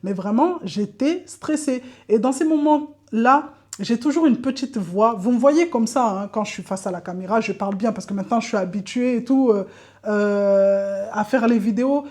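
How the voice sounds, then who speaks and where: A woman's voice: fairly high pitch, moderate pace, darkish tone. A woman telling a candid personal story to camera, often repeating words for emphasis. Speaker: vlogger.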